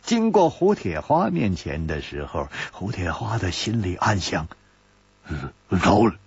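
A male storyteller narrating a traditional Chinese martial-arts tale in an animated way with wry asides. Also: low-pitched, measured pace, creaky, breathy edge, no room sound. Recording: dull lo-fi audiobook recording.

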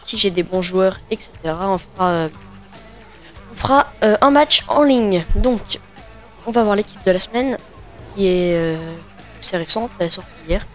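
A man's voice: high voice, moderate pace, soft background music. A man giving casual gaming commentary while opening packs, hesitant and full of fillers and restarts. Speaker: gaming video creator.

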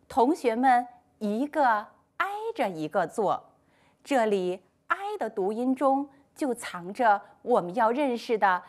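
A woman gives a scripted online lesson to young schoolchildren. Her voice sits high and her pitch swings widely as she draws out each word in a slow, sing-song, encouraging manner. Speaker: primary school teacher.

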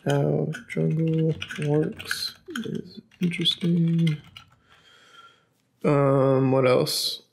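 Slow, gravelly young man streamer. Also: fairly high pitch, flat delivery, a little mellow, slight background noise. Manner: slow, halting, thinking aloud with many fillers. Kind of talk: casual live-stream commentary.

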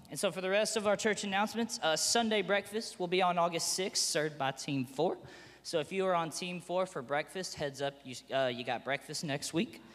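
Guy doing church announcements, chatty and pumped up, lots of hall echo. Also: on the high side. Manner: upbeat, excitable, chatty. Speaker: church pastor. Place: church sanctuary.

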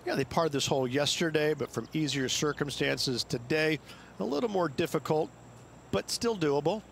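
A male golf commentator in the analyst's role, with a fairly high voice. He gives short reactions to shots over faint background noise. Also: normal speed, creaky.

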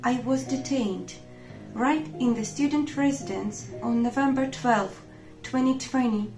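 A woman's voice: high voice, unhurried. A twenty-year-old woman student giving an earnest testimony over music. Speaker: student activist. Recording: echoey room from a distance, music underneath.

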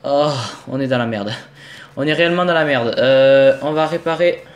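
This casual let's-play comes from a young gaming video host who has a cold, muttering to himself and cursing in exasperation when the game goes badly. He speaks at medium pitch and a moderate pace, and the sound is lo-fi.

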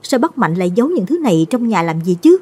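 A woman's voice: medium pitch, big pitch swings, fast talker, a little mellow, husky. A woman doing an anxious questioning young woman. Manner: questioning, urgent.

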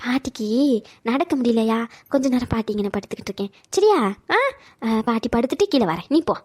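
A woman voicing a frail elderly grandmother who talks in a soft, tired and coaxing way in a cartoon. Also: fairly high pitch, expressive, a little fast, breathy edge. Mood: doting. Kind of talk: cartoon voice acting.

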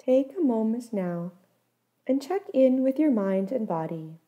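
The audio has its highs cut off as a woman with a fairly high, animated voice conducts a guided body scan. She delivers calm, measured directions whose endings fall away softly.

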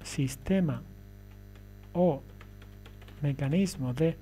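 A man's voice: fairly high pitch, extremely slow, dark tone, slight background noise. A man giving a recorded lecture, explaining step by step and often checking that listeners follow.

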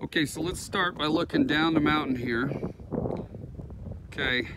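On a windy, rocky mountaintop, a video host narrates unscripted as he walks, filming on a handheld phone. His fairly high voice moves unhurriedly, and the phone microphone picks up very loud wind noise.

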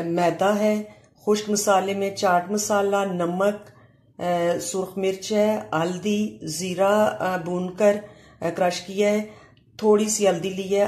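Calm woman explaining a home recipe. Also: on the low side. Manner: calm, step-by-step explaining with Urdu-flavoured words and short pauses. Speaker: cooking channel host. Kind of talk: home cooking demonstration. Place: home kitchen, echoey room. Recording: echoey room with faint ambient noise.

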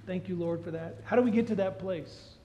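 A middle-aged man preaching a sermon on a church stage, animated and asking the congregation questions. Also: high voice, brisk, gravelly. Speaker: pastor. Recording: dull sound with long hall reverb.

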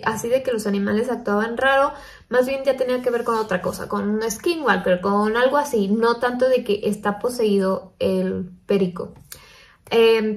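A young woman vlogging casually to her viewers, chatty and thinking aloud with lots of fillers. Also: a little high. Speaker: paranormal stories vlogger.

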